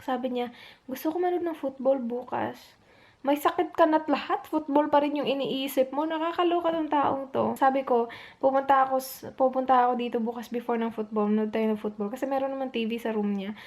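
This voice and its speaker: A woman's voice: high-pitched, fairly even intonation, brisk, darkish tone. A young woman vlogging at home alone at night, chatty and upset, retelling a long night and mixing English phrases into her talk. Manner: chatty, mixes English into Tagalog, retells quotes. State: upset, on the verge of tears. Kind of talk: casual storytelling vlog.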